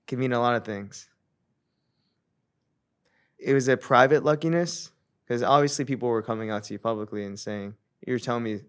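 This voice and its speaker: A man hosts a podcast interview and asks his guests curious, probing questions. His voice sits at an ordinary male pitch. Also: clear, resonant tone. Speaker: podcast host.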